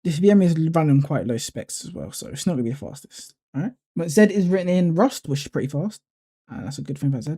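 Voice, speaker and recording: Dark-voiced man narrating a screen recording. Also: fairly high pitch, fast, slightly rough. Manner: relaxed, thinking aloud with fillers and self-corrections. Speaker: YouTuber walking through a code editor setup. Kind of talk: casual screen-recording tutorial.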